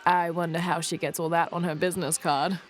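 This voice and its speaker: A woman's voice: on the low side, brisk, lightly acted, low-quality recording. A woman playing Lara Croft, determined. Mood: dry. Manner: steady, urgent and determined. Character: bold young female explorer, resolute and driven. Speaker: adventurer. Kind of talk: video game cutscene acting.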